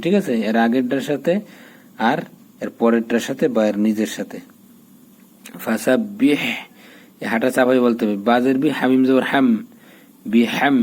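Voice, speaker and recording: A man gives a patient recitation lesson, naming letters and vowel marks one at a time. His voice is mellow and dark, and he keeps an even, level delivery. He stretches out his chanting slowly. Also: mid-range voice, low-quality recording. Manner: slows down for drawn-out chanted recitation. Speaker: Quran recitation teacher. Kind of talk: step-by-step recitation tutorial.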